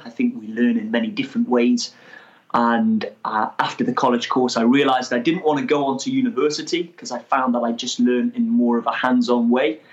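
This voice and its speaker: A Welsh man in his twenties, a guest explorer chatting in an interview, upbeat and quick to laugh. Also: medium pitch, highs cut off. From North Wales. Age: 20s. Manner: energetic, chatty, laughs easily. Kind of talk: casual interview chat.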